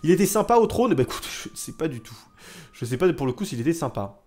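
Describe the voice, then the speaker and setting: Talking fast in a mellow, sing-song voice on the high side, a streamer shares history stories with his viewers. His delivery is casual and theatrical, with repeated phrases used for suspense and emphasis.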